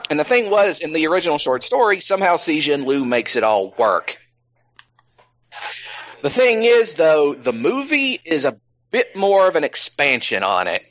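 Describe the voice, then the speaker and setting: A man's voice: mid-range voice, a bit bright. Guy rambling on his podcast, lots of ums, kinda muffled lo-fi audio. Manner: rambling, many ums and restarts. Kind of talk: casual chat. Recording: slightly dull lo-fi sound.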